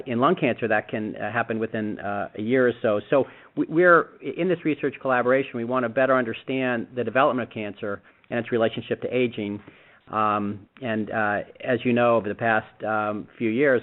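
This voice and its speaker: Man on a narrowband conference phone line. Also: lowish voice. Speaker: physician-researcher speaking for a cancer research collaboration. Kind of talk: explanatory conference-call remarks. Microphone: conference call phone, speakerphone.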